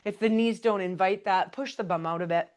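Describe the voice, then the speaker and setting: A woman's voice: mid-range voice, a little fast. A woman pilates instructor talks a class through each move. She calls breaths and counts in a friendly, encouraging way. Her cues are conversational rather than scripted. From Canada. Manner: chatty, laughs between cues. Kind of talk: live exercise class instruction.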